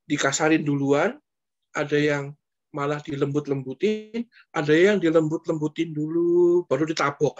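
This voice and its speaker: A man speaking as a pastor, answering a question in a relaxed, conversational way. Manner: conversational, repeats "Pak" often, lively swings in pitch. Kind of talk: casual preaching answer in an online church session. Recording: dull lo-fi online stream audio.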